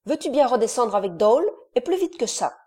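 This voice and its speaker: A woman reading aloud and voicing a calm, steady young boy who gives firm, reassuring orders to his crewmates. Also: fairly high pitch, a little fast, voice pushed up. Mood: urging. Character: calm, steady thirteen-year-old boy leading the crew.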